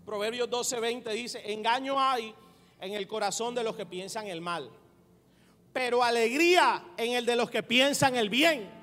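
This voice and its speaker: A man preaching a sermon as pastor, laughing along with his listeners, calling for amens and rising to loud emphasis. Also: very high voice, unhurried. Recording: roomy long reverb with faint music.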